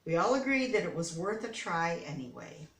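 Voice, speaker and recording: With a fairly low, sing-song voice and a fairly bright tone, an older American storyteller from Detroit reads a kids' picture book at ordinary speed, chatting about herself along the way. The sound is distant and reverberant, like a large room.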